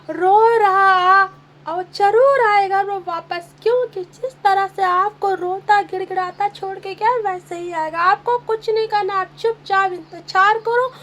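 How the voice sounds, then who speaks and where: A woman relationship coach giving emphatic, repetitive motivational advice to her viewers. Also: very high voice.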